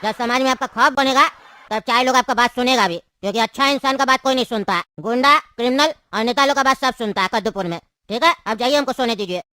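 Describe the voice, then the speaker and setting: Sleepy cynical cartoon man, low drawl, heard a bit off mic, done by a woman. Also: fast, pauses often, pushed and bright, dry recording. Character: lazy sleepy man giving cynical advice.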